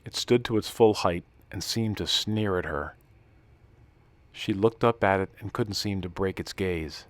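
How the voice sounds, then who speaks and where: Deep-voiced man narrating, dry sound. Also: measured pace, dry recording. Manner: calm, steady reading with hushed dramatic passages. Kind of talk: scripted story narration.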